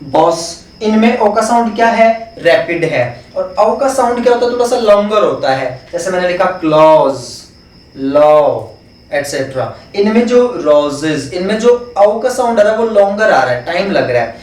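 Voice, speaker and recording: A man's voice: sits high, very animated, normal speed, darkish tone. A man teaching an exam-prep phonetics lesson with an Indian English accent, explaining step by step and answering his own questions. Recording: echoey room, mic far off.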